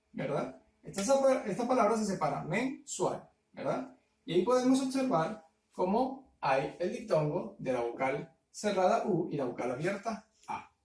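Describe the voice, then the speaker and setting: A male primary teacher with a fairly high voice talks pupils through a grammar worksheet. He slows down to pronounce example words syllable by syllable and keeps checking understanding with short questions. He sounds set back from the microphone in an echoey room. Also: recorded from a distance. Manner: slow, syllable-by-syllable word spelling with frequent "¿verdad?". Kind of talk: recorded grammar lesson.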